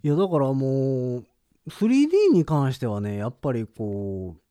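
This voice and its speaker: A man's voice: mid-range voice, sing-song, normal speed, warm tone, no room sound, clean studio sound. A man with a Kansai accent co-hosting a podcast in casual, joking banter. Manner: joking banter with playful quoted asides. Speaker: podcast co-host. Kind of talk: casual chat.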